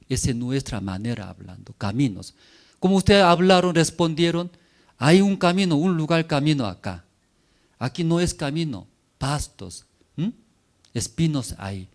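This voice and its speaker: Guy preaching slow in church, pitch jumping up and down, keeps asking "right? no?" in short choppy bits. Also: darkish tone. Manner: checks in constantly with tag questions; simple, broken phrasing. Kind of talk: sermon.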